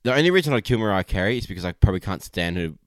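A man's voice: fairly low pitch, animated, racing, dry recording, studio quality. A man co-hosting a podcast in crude, irreverent, blokey banter, swearing constantly and using lots of slang. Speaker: podcast co-host.

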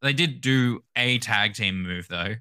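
A man co-hosts a casual podcast chat. His voice is very bright and sharp, at a middle pitch. He speaks in a measured way with dry remarks. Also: clean tone. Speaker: podcast co-host.

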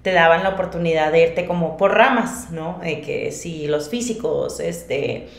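A woman's voice: deep voice, a little slow, creaky. A woman with a northern Mexican accent from Monterrey tells her own story in a casual interview, chatty and often interrupting herself to quote her own thoughts. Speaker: podcast guest, independent singer and artist. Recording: roomy, echoey sound.

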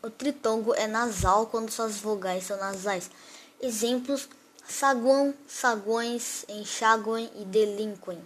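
A woman presenting a grammar lesson, reading definitions aloud and slowly listing example words one by one. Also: a little high, fairly even intonation, slight background noise. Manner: reads definitions and word lists slowly, one example at a time.

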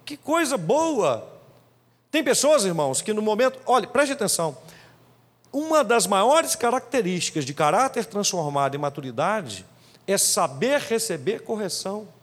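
A man's voice: high-pitched, big pitch swings, moderate pace, a bit bright, big-room sound. A male pastor preaching a sermon in church, emphatic and acting out quotes as he goes.

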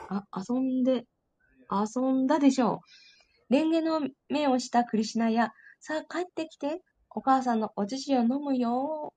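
A warm-hearted storybook mother calls fondly after her wandering little boy, as a woman reading the tale does her voice. The voice sits high and lifts even higher into sweet, coaxing calls. The coaxing runs gently through every line. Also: normal speed, lightly acted. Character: loving, doting mother calling her young son home.

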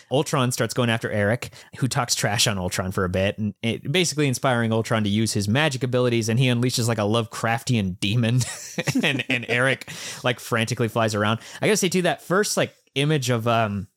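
A man's voice: medium pitch, fairly bright tone, no echo, clean studio sound. Chatty man recapping a comic, laughing often. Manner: laughs often, many fillers and restarts. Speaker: comic book podcast co-host. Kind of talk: casual chat.

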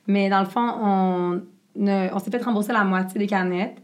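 A young woman with a Québécois French accent, a business co-founder telling her story in a casual interview with a rapid, animated, filler-heavy delivery. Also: medium pitch.

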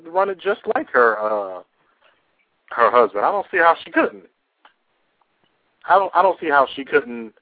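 A man hosts a casual call-in talk show on radio, talking in loose slang and repeating himself for emphasis. His voice is mid-range with no room sound, heard through narrow, tinny phone-line radio audio.

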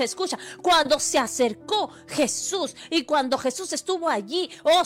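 A woman preacher, delivering a fervent, repetitive sermon to a livestream audience. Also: high-pitched. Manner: fervent, repetitive, rising to cries.

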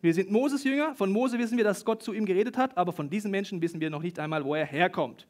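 A man voicing angry, scornful male religious leaders who shout down a healed man, read aloud during a sermon. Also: high voice, fast talker, lightly acted. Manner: shouting, indignant.

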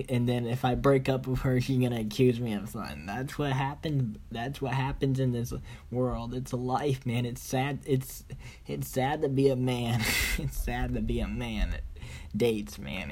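Brief: man, average pitch, rambling profane vlog monologue, boastful, broken grammar. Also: measured pace, darkish tone, slight background noise. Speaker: vlogger. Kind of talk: rambling casual monologue to camera.

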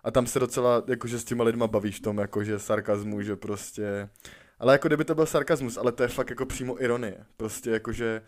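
A man's voice: medium pitch, steady tone. A young man chatting casually, slangy and swearing. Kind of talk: casual chat.

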